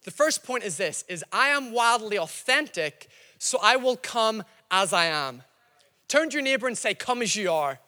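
In a large hall, a pastor from Northern Ireland speaks in a high voice at a moderate pace, his Northern Irish accent slightly Scottish-tinged. He tells lively stories during his sermon and addresses the congregation directly.

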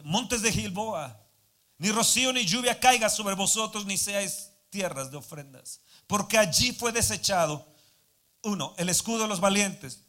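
A man preaching a sermon, moving from calm Bible reading to fervent shouted declarations, recorded live in a church hall. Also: sits high. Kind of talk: sermon with prayer.

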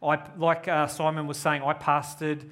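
A New Zealand man in his forties, speaking with a New Zealand accent, delivers a guest sermon and prayer at a church service. His voice is on the high side and fairly bright but monotone, at a moderate pace. He comes across as enthusiastic, upbeat and effusive.

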